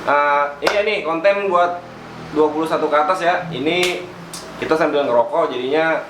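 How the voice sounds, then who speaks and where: A man's voice: fairly high pitch, moderate pace. A man with a Jakarta-area Indonesian accent hosts a casual chat interview, bantering in slang and echoing his guest's answers. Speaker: host. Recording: echoey room with clear background noise.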